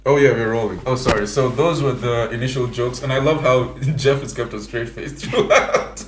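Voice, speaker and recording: A man's voice: medium pitch, moderate pace, reverberant, soft background music. A man with a Kenyan accent hosting a podcast in casual chat, joking and laughing often. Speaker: podcast host.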